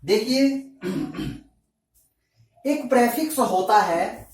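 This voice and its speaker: A male teacher explains grammar step by step, posing questions to his class and answering them himself. His pitch moves up and down a lot, and his delivery is unhurried. He sounds set back from the microphone in a very reverberant room. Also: lively intonation. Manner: slow, deliberate explaining. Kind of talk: classroom lesson in Hindi. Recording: echoey room, mic at a distance.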